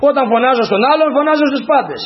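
Man, preacher, high voice, sermon, rhetorical questions, dull lo-fi sound. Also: expressive. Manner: explains scripture, acts out pleas and rhetorical questions.

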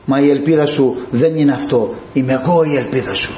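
A man voicing the Lord as a calm, commanding healer, speaking firmly and with emphasis, in a dull, roomy recording. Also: medium pitch, natural voice. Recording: dull, roomy and slightly noisy.

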